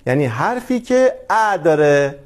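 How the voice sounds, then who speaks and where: A man with a fairly high, animated voice teaches a lesson to young children. His tone is gentle and encouraging as he reads out letters for them to repeat. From Iran.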